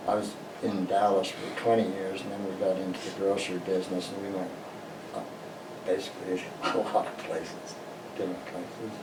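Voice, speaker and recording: Deep-voiced older American veteran remembering, halting. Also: male voice, flat delivery. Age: older, 60s or above. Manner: old veteran remembering, halting and plain-spoken. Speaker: interviewee, war veteran. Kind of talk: personal reminiscence in an interview. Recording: roomy, distant mic, noisy background.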